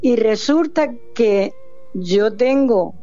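An older woman from Almería with an Andalusian accent, chatting warmly as a caller on a night radio show, laughing often. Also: on the high side, expressive, slow pace, dull audio, soft background music. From Almería, Spain.

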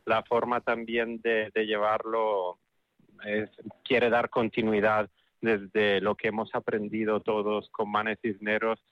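A man's voice: fairly low pitch, completely flat delivery, slow pace, dry recording. Italian guy with an accent, on the radio, repeats himself searching for words, kinda muffled. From Italy. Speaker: festival director and spokesperson. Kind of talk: radio interview.

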